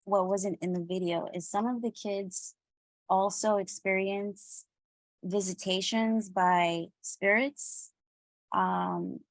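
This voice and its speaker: A woman lecturer talking through a recorded lesson, slow and deliberate with pauses and restarts. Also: mid-range voice, steady tone, no room sound, low-quality recording.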